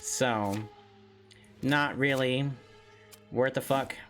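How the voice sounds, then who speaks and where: A man's voice: mid-range voice, extremely slow, a bit bright, soft background music. A man doing live game commentary as a streamer, grumbling and swearing as he goes. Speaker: gaming streamer.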